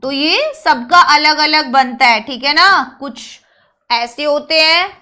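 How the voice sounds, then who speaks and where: Woman teacher, high bright voice, grammar class, slow drilling of word forms. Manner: drills words slowly, one by one; mixes Hindi explanation with English terms. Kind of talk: online English grammar lesson.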